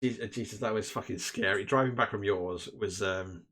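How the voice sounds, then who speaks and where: A man's voice: on the low side, a little fast, a bit bright. A man hosting and commentating a live tabletop game stream in a casual, chatty way, with lots of fillers and restarts. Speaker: host and commentator.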